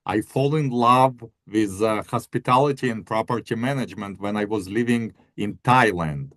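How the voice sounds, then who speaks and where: A man's voice: lowish voice, moderate pace, a bit bright, no echo. Man from Ukraine, dry close sound. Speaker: podcast guest, company CEO. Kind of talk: casual interview chat.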